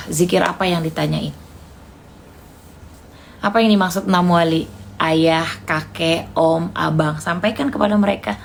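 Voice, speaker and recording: A woman's voice: on the low side, gravelly, slight background noise. A woman preacher giving casual religious advice to a live online room, calling her listener "Kak" and retelling conversations in a chatty way. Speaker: Islamic preacher answering questions.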